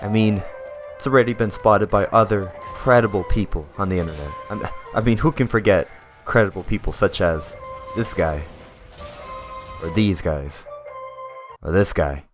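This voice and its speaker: A young man delivering a mock-serious comedic voice-over as a gaming YouTuber. His tone is deadpan and sarcastic, and at times it slides into exasperated rants. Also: on the low side, normal speed, long pauses. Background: faint background music.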